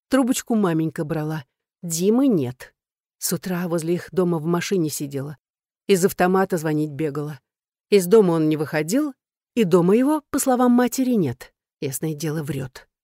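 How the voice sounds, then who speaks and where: A woman's voice: lowish voice, mellow, dry recording, clean studio sound. A woman narrating a first-person story in a frank, earthy storytelling manner. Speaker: audiobook narrator.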